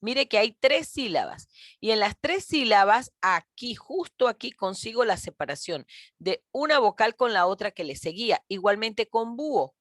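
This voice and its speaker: A woman's voice: fairly high pitch, animated, normal speed, fairly bright tone, no echo, studio quality. A woman teacher giving an online grammar lesson to pupils, patient and encouraging, often checking with her class. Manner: patient, calls pupils "mis niños" and "chicos", often checks with "¿ok?". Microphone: computer mic on a video call.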